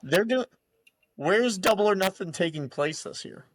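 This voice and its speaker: A man's voice: high voice, lively intonation, normal speed. A man co-hosting a casual wrestling podcast, opinionated and emphatic in his takes. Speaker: podcast co-host. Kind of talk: casual chat.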